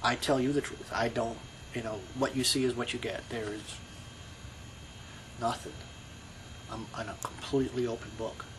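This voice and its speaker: Speaking at normal speed with a medium pitch and little pitch movement, a middle-aged Brooklyn-accented man delivers a casual, rambling monologue to his video blog. He reflects aloud, peppering his talk with you-knows and restarts, over background noise.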